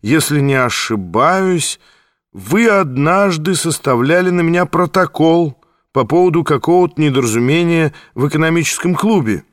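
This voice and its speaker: Guy doing a gushy old ex-cardsharp, high and excited, super sentimental, dry close sound. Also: moderate pace, dry recording, natural voice. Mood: effusive nostalgic. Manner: effusive, sentimental. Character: fawning former card sharp, older man, nostalgic.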